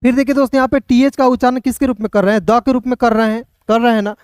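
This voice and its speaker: A man's voice: very high-pitched, level tone, very fast, darkish tone, clear, resonant tone, no room sound. Male tutor, drill-style lesson, dry close sound. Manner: repetitive, asks and answers his own questions. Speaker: English teacher. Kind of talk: beginner phonics lesson.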